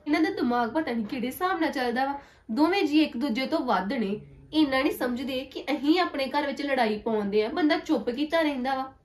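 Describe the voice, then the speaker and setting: A woman's voice: sits high, expressive, a little fast. A woman playing a young married niece who complains indignantly about her in-laws in a web series drama.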